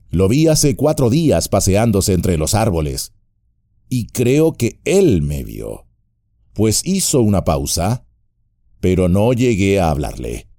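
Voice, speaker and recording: A man voicing an old, wise and wry male wizard in an audiobook, speaking in a measured, gently humorous way. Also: on the low side, no room sound, studio quality, pitched above the performer's own voice, exaggerated voice.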